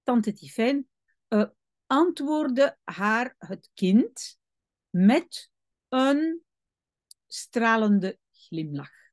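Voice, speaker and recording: A woman, reading from a French novel and explaining words to her students. Her speech is slow and patient, her voice rising and falling a lot, and the recording is dry and close. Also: on the high side, sing-song, dry recording. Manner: slow, patient, with frequent hesitations and self-corrections. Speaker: French teacher.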